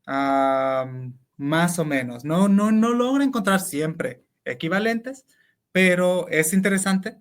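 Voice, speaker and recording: As an interview guest, this Honduran-accented man, whose voice runs higher than most men's, explains things one step at a time. Animated yet slow-paced, he restarts sentences often, reflective and conversational like a teacher thinking aloud.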